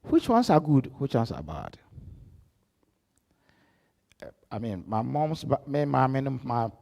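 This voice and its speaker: A middle-aged man from Ghana with a Ghanaian accent, an apostle giving a live-streamed church address that swings between loud emphasis and soft asides. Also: medium pitch, very animated, takes it slowly, creaky. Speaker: apostle preaching.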